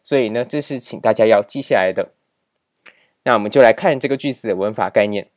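A man's voice: lowish voice, fast talker. A man teaching a grammar lesson over slides, explaining patiently and repeating key points with many filler particles. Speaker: language teacher.

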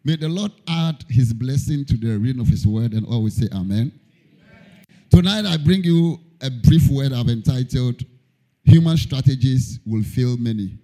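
A man's voice: medium pitch, lively intonation, normal speed, warm tone. A man preaching a sermon in church, emphatic, repeating key lines and singing out phrases. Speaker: pastor.

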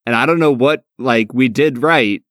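A man's voice: medium pitch, normal speed, a bit bright, no room sound, clean studio sound. A young man co-hosting a podcast, chatting casually in a bro-ish, slangy, joking way. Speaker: podcast co-host. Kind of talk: casual chat.

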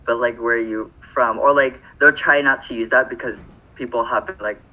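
A man from Phoenix, Arizona co-hosts a podcast, chatting casually and rambling with plenty of fillers and self-corrections. His voice is medium-pitched and steady, at normal speed, and the audio sounds dull.

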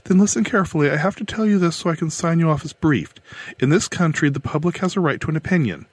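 A man voicing a brisk female court clerk who talks in curt, instructive bursts, well above his own pitch. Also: expressive, husky, dry recording.

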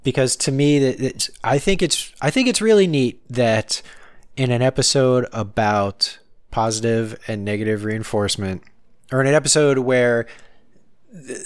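A man co-hosting a podcast in casual chat, relaxed and hesitant with frequent restarts. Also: fairly low pitch, clear, resonant tone, no room sound, studio quality. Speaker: podcast co-host.

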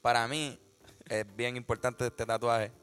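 A young man with a Puerto Rican accent co-hosting a podcast from a tattoo studio, talking in a warm, playful, teasing way. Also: medium pitch, level tone, measured pace, clean tone. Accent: Puerto Rican Spanish. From Puerto Rico. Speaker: podcast co-host. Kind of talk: casual chat.

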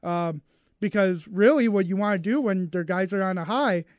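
A man's voice: high voice, moderate pace, dry recording. A man co-hosting a radio sports talk show, chatting casually and restarting his sentences often. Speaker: radio co-host. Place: radio studio.

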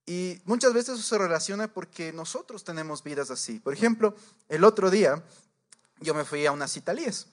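A man preaching in a relaxed, conversational way, telling everyday stories and asking rhetorical questions. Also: sits high, fairly quick. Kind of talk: informal preaching, storytelling.

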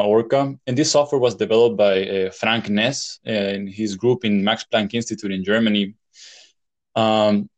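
Soft-spoken young man, halting answers. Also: lowish voice. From El Salvador. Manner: hesitant, many fillers and restarts. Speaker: guest, PhD student in chemistry. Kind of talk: casual interview answers.

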